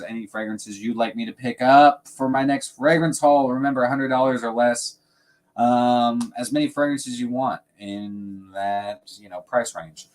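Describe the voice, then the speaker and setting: A man hosting a fragrance livestream, chatting casually and rambling with frequent laughs. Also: lowish voice. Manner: laid-back, rambling, laughs often. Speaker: fragrance channel host.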